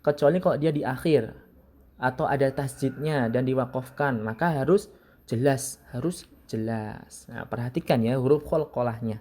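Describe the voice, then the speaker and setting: A young man teaching Quran recitation in a casual lesson, slowly repeating sounds to demonstrate them. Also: mid-range voice, a little mellow.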